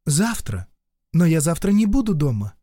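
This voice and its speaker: A man voicing a gentle but stubborn young noblewoman wife, talking in a soft, pleading, earnest way. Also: on the high side, sing-song, moderate pace, husky, dry recording, clean studio sound, pitched above the performer's own voice. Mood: pleading, warm.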